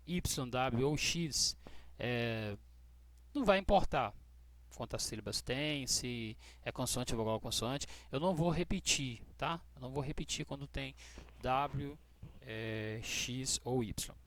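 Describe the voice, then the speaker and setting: A Brazilian man teaches an English grammar lesson in a gravelly, mid-range voice. He explains each rule patiently and spells letters out slowly. He keeps checking in with quick questions to his students. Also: mid-range voice, fairly bright tone. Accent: Brazilian Portuguese. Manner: spells out letters slowly, stressing key words.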